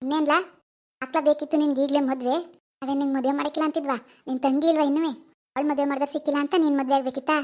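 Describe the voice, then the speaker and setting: A woman's voice: high-pitched, level tone, a little mellow, lightly acted. A woman voicing an angry middle-aged village mother who scolds her son with insults in a cartoon. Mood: furious scolding. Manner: scolding, insulting, rapid-fire rebukes. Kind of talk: cartoon voice acting.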